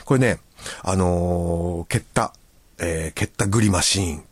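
A male radio host with a deep voice chats casually and reads listener letters, speaking a little slowly in an easygoing, chatty way with frequent filler words. The recording is dry.

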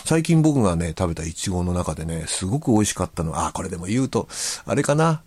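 Husky low-voiced male radio host. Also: big pitch swings, quick pace, darkish tone, dry recording. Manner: chatty, filler-heavy, easygoing. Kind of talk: casual radio talk, reading listener letters.

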